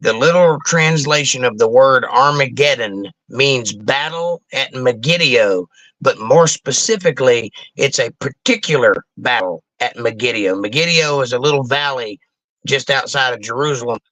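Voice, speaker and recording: A man's voice: medium pitch, normal speed, fairly bright tone, dry recording, poor audio. A man hosting a casual live stream in a folksy, showman-like manner.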